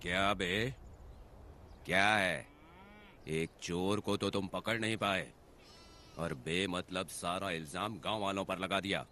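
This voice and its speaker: An actor dubbing a hot-tempered young farmer hero who gives stern, threatening orders. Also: male voice, deep voice, steady tone, slow, long pauses, pushed and bright, a little hiss or hum, full character voice. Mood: commanding. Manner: commanding, threatening. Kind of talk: dubbed film acting.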